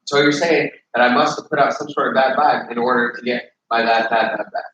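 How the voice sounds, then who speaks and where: A man's voice: medium pitch, fairly even intonation, fairly quick, a bit bright, slight background noise. A man arguing casually, defensive and agitated, swearing often. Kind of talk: casual argument. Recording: echoey room, far from mic, dull.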